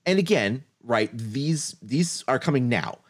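A man's voice: mid-range voice, expressive, unhurried. A man co-hosting a casual gaming podcast, talking things through with hedges and frequent laughs. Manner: thoughtful, hedging, laughs often.

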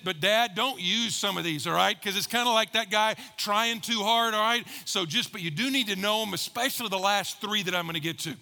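A middle-aged man delivers a sermon as pastor, joking easily with his congregation. His voice sits high and bright with a gravelly edge. It rings out with the long reverb of a church sanctuary.

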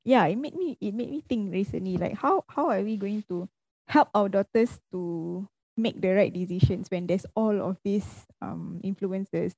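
A woman's voice: mid-range voice, normal speed, a little mellow, dry recording, dull audio. A woman, talking casually as a podcast co-host. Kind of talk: casual discussion.

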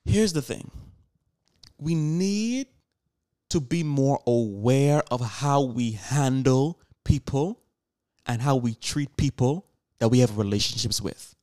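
In a mellow, medium-pitched voice, a seventeen-year-old podcast host talks slowly yet animatedly to his listeners. The recording is clean studio audio with no echo, and his earnest, preachy delivery is full of rhetorical questions, restarts and repeated words.

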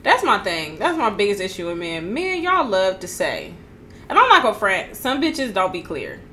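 A woman's voice: medium pitch, wildly swooping pitch, normal speed, pushed and bright, slight background noise. A woman co-hosting a casual podcast chat, talking bluntly and ranting with laughter. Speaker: podcast co-host.

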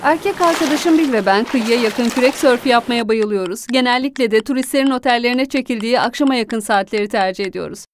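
High-voiced woman narrating a true story. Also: background noise. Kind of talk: first-person storytelling narration.

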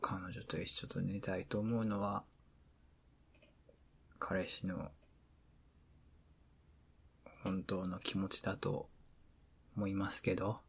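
A man with a Kansai accent playing a teasing, affectionate boyfriend at bedtime, in intimate ASMR role-play pillow talk with a soft, breathy voice. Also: lowish voice, a little slow, long pauses. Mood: tender, lonely. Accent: Kansai Japanese. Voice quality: breathy, soft, often dropping into speaks softly. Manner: playful, coaxing, mock-hurt.

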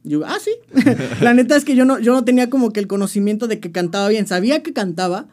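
This young musician guest speaks with a Mexican Spanish accent in a high, animated, fast voice with a darkish tone. He chats casually in an interview, telling his story with slang and lots of restarts.

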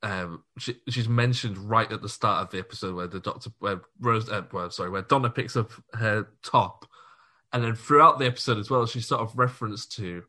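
A man's voice: on the low side, a little fast, bright, forceful tone. A man co-hosting a podcast, chatting casually and enthusiastically, laughing easily. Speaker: podcast co-host. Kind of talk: casual chat.

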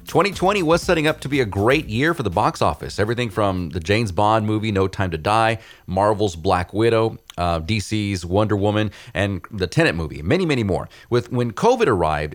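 Low-voiced host, measured delivery. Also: male voice, lively intonation. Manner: measured, reads prepared intro. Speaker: podcast host. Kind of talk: scripted show introduction and interviewing.

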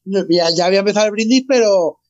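A man in casual podcast chat, halting and repeating his words. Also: sits high, a little mellow. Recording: dull lo-fi sound.

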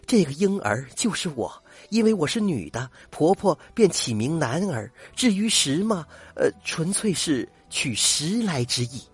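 An older man voicing a gentle, grateful young woman in disguise, with soft, earnest speech, in a told folk tale. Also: deep voice, big pitch swings, a little slow, few pauses, husky, heavily acted. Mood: sorrowful.

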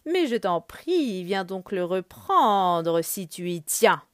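A woman voicing a scheming male villain lion in a storybook, with a slow, taunting drawl. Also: mid-range voice, very animated, no echo, studio quality.

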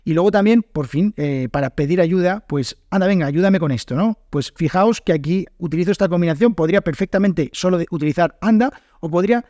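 A man's voice: high-pitched, fairly quick, warm tone, no echo, highs cut off. A man from Spain with a Spain Spanish accent, hosting a podcast lesson in a chatty way and acting out example phrases. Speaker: podcast host and Spanish teacher.

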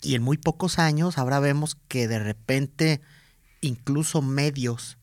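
A man hosting an interview, telling stories in a measured way with frequent tag questions. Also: medium pitch, dry recording, studio quality. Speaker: podcast host, former TV teacher. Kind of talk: conversational interview.

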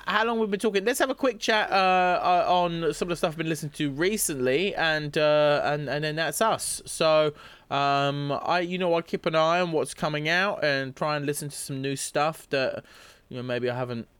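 A man's voice: fairly high pitch, a bit bright, smooth, no room sound. A man co-hosting a podcast, chatting casually with wry, rambling musings full of hesitations. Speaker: podcast co-host. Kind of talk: casual chat.

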